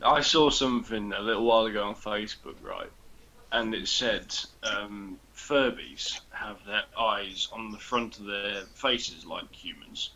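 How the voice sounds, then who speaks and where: A man's voice: fairly low pitch, measured pace. A man co-hosting a podcast over a video call, telling stories with lots of laughter and quoted voices. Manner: laughing storyteller, quoting friends in animated voices. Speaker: podcast co-host. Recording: muffled, lo-fi call audio.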